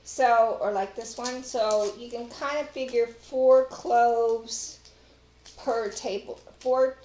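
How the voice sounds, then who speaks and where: This middle-aged woman with a Texas accent has a voice on the high side, with a darkish tone, fairly even intonation and a slow pace. She chats to viewers while demonstrating a recipe in her home kitchen for a casual cooking show, recorded on a far camera amid echo and clattering dishes.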